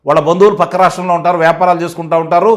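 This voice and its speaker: A man, a political analyst speaking forcefully in a heated interview and firing off rhetorical questions. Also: on the high side, little pitch movement, rapid-fire.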